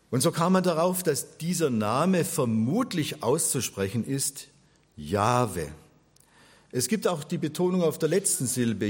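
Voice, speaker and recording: Slow, husky man teaching. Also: fairly low pitch, a little mellow. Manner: patient, spells things out step by step. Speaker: religion teacher. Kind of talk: explanatory lecture.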